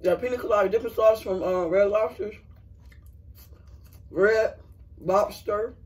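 A man's voice: sits high, a little slow, a little mellow, recorded from a distance. A man chatting casually to viewers with his mouth full, chewing while he talks, rambling and searching for words. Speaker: mukbang vlogger.

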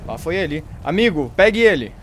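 A man's voice: a little high, big pitch swings, fairly quick, a little hiss or hum. A young man with a Brazilian Portuguese accent commenting live on his gameplay, swearing often and laughing as he taunts the enemy. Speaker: streamer.

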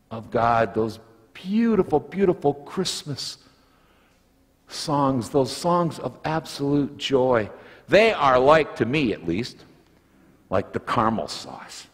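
An older American pastor preaches a sermon with an object lesson in a church sanctuary, telling lively stories with folksy asides. He speaks slowly in a mid-range voice, pausing often. The recording carries long church reverb and sounds slightly husky.

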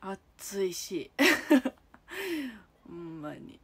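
A husky, medium-pitched, expressive voice at a moderate pace belongs to a young idol livestreamer with a Kansai accent. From her room at home she chats casually, reading comments and answering each viewer while giggling frequently.

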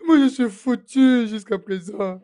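Dub role: distraught son, pleading and sobbing, voice cracking. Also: male voice, extremely high pitch, measured pace, warm tone. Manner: pleading, sobbing, repeating himself. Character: desperate grieving son, young man. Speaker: patient's son. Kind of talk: French dub of a film.

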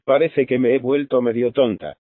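A man reading the part of a fragile, frightened young gentlewoman who talks in an anxious, confiding way, heard through a tinny phone-like sound. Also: medium pitch, fairly even intonation, moderate pace, no room sound, close to an everyday voice.

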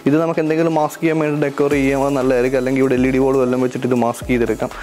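Faint music plays behind a man whose mid-range, darkish voice comes out flat and rapid-fire. He's a Kerala event planner with a Malayali accent hosting a vlog, casually and practically explaining a venue while sprinkling in English words.

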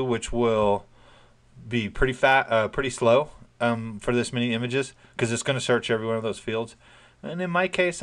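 In a screen-recorded software tutorial, a man with a mid-range voice chats informally, explaining each step plainly while downplaying his own expertise.

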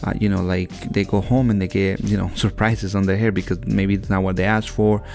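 A man's voice: low-pitched, level tone, fairly quick, vocal fry, darkish tone, soft background music. A young man, a barber, talking casually over haircut footage in a rambling way with many fillers and restarts.

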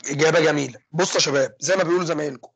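Fast-talking Egyptian man lecturing. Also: fairly high pitch, a bit bright, husky, no room sound. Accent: Egyptian Arabic. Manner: fast, asks and answers his own questions. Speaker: engineering lecturer. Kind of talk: online lecture with student questions.

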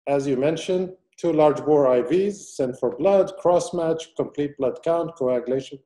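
A middle-aged man, giving an online medical lecture over a video call as a surgeon. He speaks in a measured way, quizzes his audience and drops dry asides. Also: a little high, mellow.

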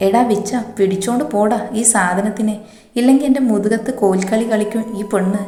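A woman's voice: medium pitch, fairly quick, dark tone, natural voice. A woman voicing a playful older brother who teases his sister. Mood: teasing. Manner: playful, teasing. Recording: echoey room, faint music behind.

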